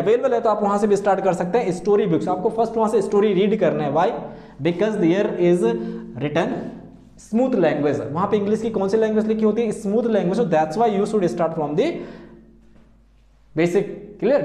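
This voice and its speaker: A man with an Indian accent teaches a class in a room with a strong echo. His voice sits high for a man but has a dark, mellow tone. He repeats words over and over and keeps asking his students questions. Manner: mixes Hindi and English, repeats words and asks the class questions. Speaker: English teacher. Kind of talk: classroom lesson.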